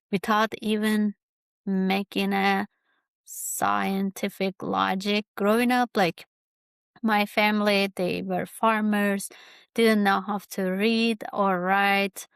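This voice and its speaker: A young Kurdish woman from Turkey's Kurdish region, a podcast host whose first language is Kurdish, slowly tells a personal story in a mid-range voice with gravelly fry. Her tone stays fairly level, and she hesitates a lot, with many fillers, trailing off and restarting. The sound is close, dry and without echo.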